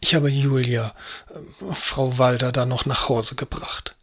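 A man voicing a nervous middle-aged lover who speaks quietly and hesitantly. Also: mid-range voice, fairly even intonation, measured pace. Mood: hushed. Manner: hushed, hesitant. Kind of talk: audiobook acting.

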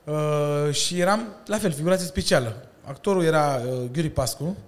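A man in his thirties, a breakdancer and stuntman, chatting as a podcast guest and telling lively stories with slang and laughter. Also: on the high side. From Romania. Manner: animated storytelling with slang and laughter. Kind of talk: casual chat.

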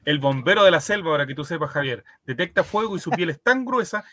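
A man's voice: a little high, expressive, quick pace, pushed and bright, dry recording. A man telling silly jokes as if they were facts in a casual chat.

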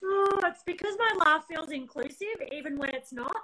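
A woman co-host with a high, bright voice. She talks breezily and jokes in a casual way, with the odd swear word tossed in. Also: lively intonation, normal speed, rough recording. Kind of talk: casual chat.

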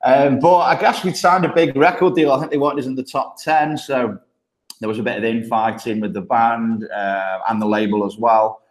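A man from Stoke-on-Trent, England, speaks with a thick Midlands accent as a podcast guest who works as an agency partnership manager. His medium-pitched voice is steady and moves at a normal pace, with a roomy sound. He chats loosely and casually, laughing often and filling his talk with ums and restarts.

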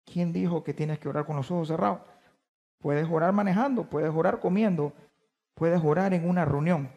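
A man preaching a sermon to his congregation, stressing key words by drawing them out slowly and putting questions to his listeners. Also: fairly high pitch, warm tone, big-room sound, dull audio. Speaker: pastor. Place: church.

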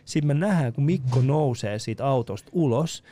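A man's voice: mid-range voice, lively intonation, dark tone. A man telling a comedy story in casual chat, swearing a lot and acting out other people in broken English. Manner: swearing often, acts out voices in broken English. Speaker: comedian guest.

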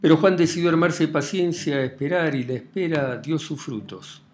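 A man tells a story at an unhurried, measured pace. His delivery is calm with a dry, ironic edge, and soft guitar music plays faintly behind him. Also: a little high. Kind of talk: reading a short story aloud.

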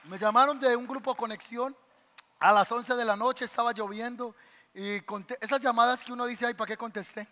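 Male pastor, lively storyteller, bright tone, long church-hall reverb. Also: very high voice, normal speed, some chatter behind. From Colombia. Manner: animated storytelling, acts out voices. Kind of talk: sermon. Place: church sanctuary.

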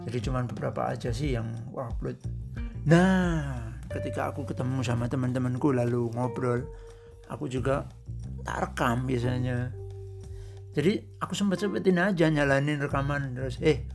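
A man's voice: mid-range voice, normal speed, gravelly, faint music behind. A man hosting his own podcast, talking in an easygoing, rambling, conversational way. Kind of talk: casual solo podcast monologue.

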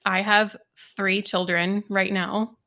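Relaxed woman chatting on a podcast. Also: mid-range voice, takes it slowly. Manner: relaxed, laughs through her stories. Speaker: podcast co-host. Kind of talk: casual podcast chat.

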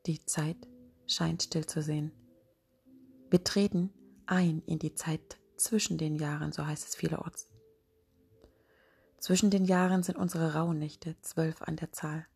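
A woman podcast host in soft, guided-relaxation narration, hushed and breathy, speaking intimately as if right by your ear. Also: low-pitched. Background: music.

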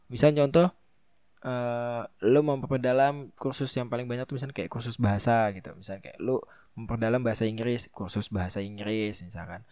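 A man's voice: medium pitch, fairly even intonation, brisk, a little mellow, dry recording, studio quality. A young man with a Jakartan accent and a lisp on his r, giving casual, rambling advice as a solo podcast host. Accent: Jakartan Indonesian. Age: young adult. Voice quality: lisp, trouble saying r. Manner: informal, rambling, repeats phrases.

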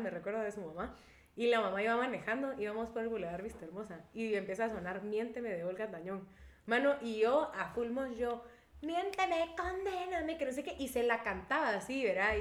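A woman's voice: medium pitch, fairly quick, roomy sound. A young woman with a Guatemalan accent, telling self-mocking stories in slangy, casual chat with friends. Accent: Guatemalan Spanish.

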